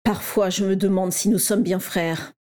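A woman's voice: medium pitch, fairly quick, lightly acted. A woman voicing a cold, contemptuous older schoolboy who speaks with scorn. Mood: scornful.

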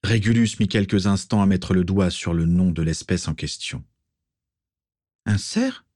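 Deep-voiced male audiobook narrator. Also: normal speed, darkish tone, no echo, clean studio sound.

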